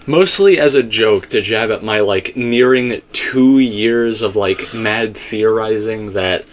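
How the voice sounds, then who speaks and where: A video commentator and theorist lays out a fan theory at an unhurried pace, his voice fairly low in pitch. He is casual and emphatic, wandering off into asides and quoting himself as he rambles.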